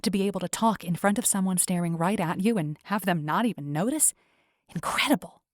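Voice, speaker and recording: A woman reading a first-person science fiction audiobook in an even storytelling manner, close to a studio mic. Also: on the low side, brisk, no room sound. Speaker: audiobook narrator. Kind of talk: first-person scripted narration.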